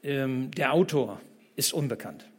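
A male preacher giving a sermon, reading a humorous text aloud slowly and deliberately. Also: medium pitch, animated.

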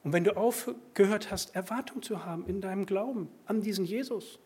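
A man preaching a sermon, swinging from loud emphatic bursts to quiet asides. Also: high voice, a little fast, breathy edge. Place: church.

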